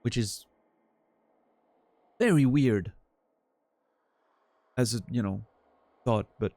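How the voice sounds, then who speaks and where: A man in his forties from French-speaking Switzerland talks slowly in a mid-range voice with a dark tone, recorded dry. With his Swiss French accent, he rambles loosely to his stream chat, self-deprecating and drifting off into fillers.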